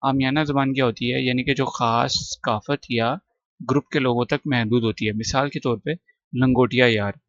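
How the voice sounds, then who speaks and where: A male teacher walks through a vocabulary list, repeating each word patiently and drilling its pronunciation. The sound is dry and a little dull, as if recorded close on a simple mic. His pitch sits in a middle range. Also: steady tone, normal speed, fairly bright tone, dry recording. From Pakistan. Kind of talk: classroom lesson explaining vocabulary.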